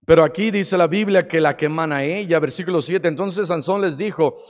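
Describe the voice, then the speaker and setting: A man preaching a sermon in a church, acting out scenes dramatically and swinging from shouts to quiet. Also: fairly high pitch, a little fast. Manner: dramatic, acts out stories, shifts from shouting to quiet. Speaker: pastor. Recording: long hall reverb.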